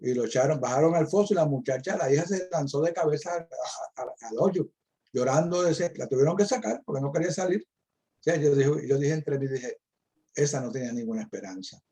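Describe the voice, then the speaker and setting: Give me a middle-aged man with a dark, relaxed voice leading a Bible talk and quoting verses. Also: a little high, fairly quick. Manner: preacherly, quotes scripture and stresses key words. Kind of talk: Bible discussion.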